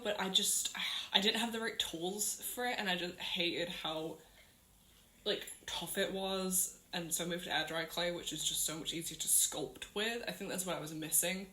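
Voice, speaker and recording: A young woman chatting casually through a voiceover on her crafting channel, rambling and self-deprecating, recorded in low quality on wireless earbuds. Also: sharp tone, reverberant. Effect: low-quality audio from earbud mic.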